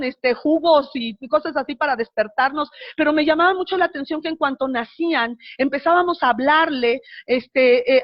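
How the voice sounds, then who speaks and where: Woman pastor, middle-aged, high voice, conversational sermon, slightly muffled recording. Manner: conversational, asks the congregation questions.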